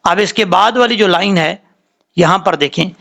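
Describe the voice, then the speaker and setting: High-voiced Pakistani Urdu Quran teacher. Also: male voice, vocal fry, pushed and bright. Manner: patient, explains letter sounds slowly and repeats words. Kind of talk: tajweed lesson with spelled-out recitation.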